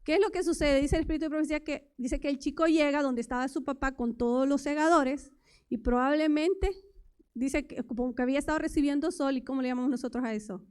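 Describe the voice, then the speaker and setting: High-voiced woman giving a sermon. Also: quick pace, a little mellow. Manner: conversational, asks the congregation many rhetorical questions. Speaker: lay preacher. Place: church service.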